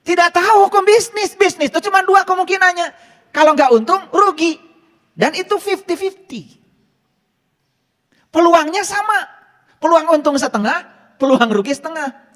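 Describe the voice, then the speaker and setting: A man's voice: extremely high pitch, normal speed, long pauses, a bit bright. A man preaching a casual sermon, teaching with rhetorical questions. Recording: long hall reverb.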